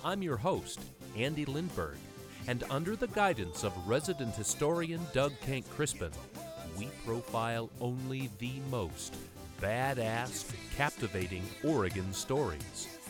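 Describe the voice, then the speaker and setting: A man's voice: mid-range voice, expressive, a little slow. A man hosting a podcast, narrating history from a script in a dramatic, irreverent way. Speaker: podcast host. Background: music.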